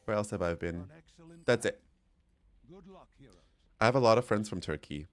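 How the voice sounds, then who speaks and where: A man's voice: on the low side, normal speed. A young man with an Austrian accent chatting casually with his stream chat and laughing often.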